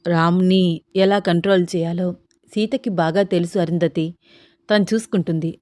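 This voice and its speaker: Woman doing a calm older man. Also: fairly low pitch, moderate pace, no echo, clean studio sound, voice pushed down, natural voice. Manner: calm, reassuring.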